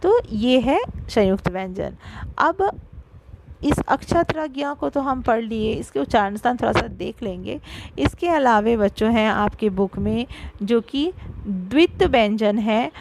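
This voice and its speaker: A woman's voice: on the high side, expressive. Woman teacher explaining grammar over noise. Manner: explanatory, addresses pupils directly, stresses syllables slowly. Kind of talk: online grammar lesson.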